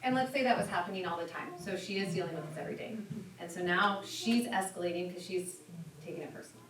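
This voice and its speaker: A woman's voice: lowish voice, fast, crowd noise. A woman leading a group training discussion, often asking questions and checking in with "right?". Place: church meeting room. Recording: echoey room, distant mic, noise.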